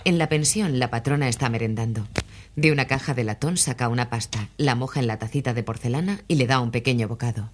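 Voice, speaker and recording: A narrator reading scripted audio description for a film in an even, measured way. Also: mid-range voice, slight background noise.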